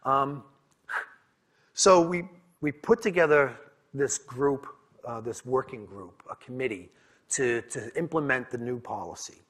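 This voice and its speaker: A New England man with a Boston accent gives a conference presentation in a conference room, telling it like a candid story and often repeating and restarting words. His voice is medium-pitched, unhurried, and a bit bright.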